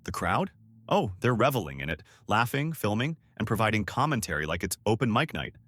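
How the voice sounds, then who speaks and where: Wry, lively male storyteller. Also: fairly low pitch, fairly quick, breathy edge. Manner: wry and sarcastic. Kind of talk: scripted first-person narration.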